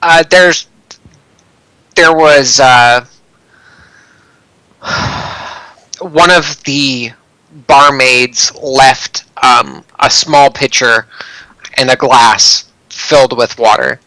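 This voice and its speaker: A man narrating as dungeon master in a tabletop game, talking in a relaxed, conversational way with fillers. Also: medium pitch, very slow, long pauses, no room sound, low-quality recording.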